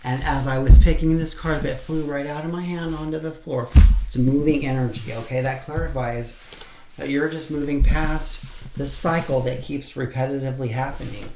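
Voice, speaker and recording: A man's voice: mid-range voice, steady tone, moderate pace. A man giving a casual pick-a-card tarot reading, blunt and profane, repeating points over and over for emphasis. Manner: blunt, swears freely, repeats himself for emphasis. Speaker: tarot reader. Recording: echoey room with faint noise.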